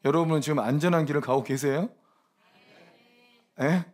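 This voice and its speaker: A man preaching a sermon, teasing his congregation with quick rhetorical questions and joking asides. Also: fairly high pitch, a little mellow. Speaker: pastor.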